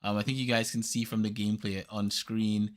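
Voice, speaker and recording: A podcast host talks casually and at length about games he plays with friends, in a low voice with little pitch movement and a fairly quick pace. He is laid-back and rambling, with lots of fillers.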